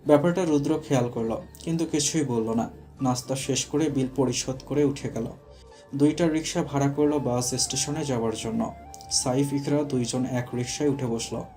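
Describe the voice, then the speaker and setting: A man narrating a romantic audio story in a steady storytelling manner. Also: medium pitch, moderate pace, soft background music.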